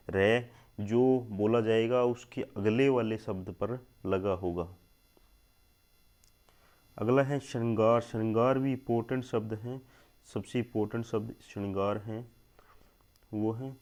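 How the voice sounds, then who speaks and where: This Hindi grammar teacher is a young man whose voice sits low and a little mellow. Going word by word through spelling for an exam, he repeats every word several times and frequently says "thik hai doston" to his listeners.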